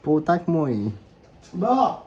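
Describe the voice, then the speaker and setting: Casting: boisterous Quebec French game host, mid pitch, wildly animated, salty banter, echoey distant mic. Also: moderate pace, highs cut off. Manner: boisterous, swearing, exclamatory. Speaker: host of a drinking-game video. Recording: echoey room, distant mic, faint noise.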